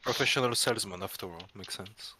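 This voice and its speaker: A man's voice: fairly low pitch, fast talker, a crowd in the background. A man talking casually as a player in a tabletop role-playing game.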